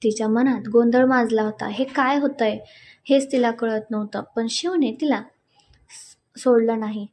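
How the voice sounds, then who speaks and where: Higher-voiced woman narrating a romance. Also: a little slow, darkish tone, a little hiss or hum. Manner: reads all parts herself, dialogue lightly voiced. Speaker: storyteller.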